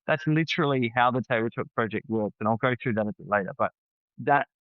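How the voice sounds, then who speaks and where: A man's voice: medium pitch, fast talker, dry recording. A man, a podcast guest telling stories in an earnest, conversational way and often repeating words as he restarts. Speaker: podcast guest, founder of a family program. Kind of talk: conversational storytelling. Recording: slightly dull, dry podcast audio.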